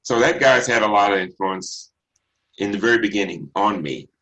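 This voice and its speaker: A middle-aged singer from Texas, speaking in a bass baritone, is the guest in an interview and answers in an unhurried, reflective way, often restarting and saying um. His tone is sharp, and the recording is rough.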